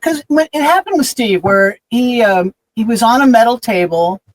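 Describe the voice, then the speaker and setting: A woman's voice: on the high side, lively intonation, normal speed, low-quality recording. A woman hosting a casual chat, speaking hesitantly with many fillers and a self-deprecating tone.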